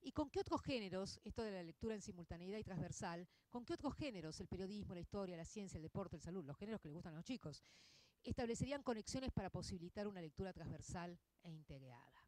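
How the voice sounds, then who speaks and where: A woman in her fifties with an Argentine accent, a literature teacher giving a conversational talk to an audience, expressive and full of tag questions. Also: on the low side, fast talker, no room sound. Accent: Argentine Spanish.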